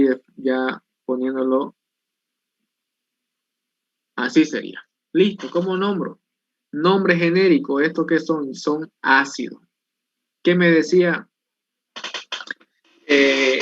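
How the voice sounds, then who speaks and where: A man with a somewhat high-pitched voice leads an online chemistry lesson. He walks through each step, posing questions and answering them himself. The recording is dry and a little muffled. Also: a bit bright, no echo. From Bolivia. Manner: explains step by step, asking and answering his own questions. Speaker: chemistry instructor. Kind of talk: online class lecture.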